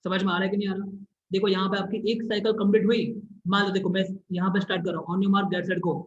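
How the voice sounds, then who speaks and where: Male tutor, high voice, repetitive board-side explaining, echoey room. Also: level tone, fast. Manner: repetitive, keeps checking if students follow; draws on a board while explaining. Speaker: teacher. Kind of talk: classroom physics lesson. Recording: echoey room, slightly dull recording.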